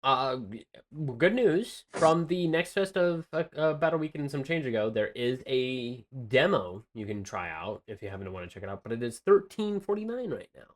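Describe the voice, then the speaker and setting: A podcast co-host delivering game news, he talks casually about games at a normal speed, rambling with lots of fillers and restarts. His pitch is medium and his intonation lively.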